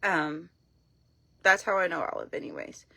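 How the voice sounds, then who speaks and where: A woman talking casually on a live stream, frank and blunt, telling her story in an animated way and acting out what people said. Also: lowish voice, moderate pace, vocal fry, husky, dry recording. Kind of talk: casual talk to camera.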